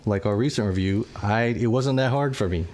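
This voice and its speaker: A man's voice: fairly low pitch, fairly quick, darkish tone. A man hosting a casual movie review podcast, talking in an easygoing, rambling way with plenty of fillers. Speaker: podcast host.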